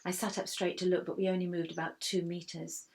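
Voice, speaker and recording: A woman reading a first-person children's story aloud in a steady, expressive way. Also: on the low side, brisk, gravelly, noisy background. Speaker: reader.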